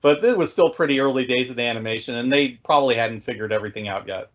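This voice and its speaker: A man co-hosting a podcast, speaking in a measured, reflective way with frequent pauses to think. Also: medium pitch, dull audio. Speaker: podcast co-host. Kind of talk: casual podcast discussion.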